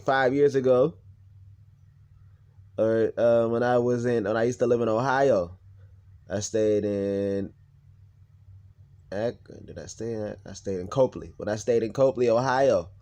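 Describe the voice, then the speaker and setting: A young man tells a personal story to the camera in a blunt, heated rant full of profanity. His voice sits in an ordinary middle pitch. He talks in loose, restarting, conversational phrasing. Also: darkish tone. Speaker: vlogger.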